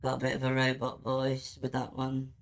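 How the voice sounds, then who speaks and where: A man's voice: monotone, moderate pace, a little hiss or hum. A man talking through a robotic voice-changer filter while trying out sounds on a stream. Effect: deep robotic voice-changer filter. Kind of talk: casual live-stream chat.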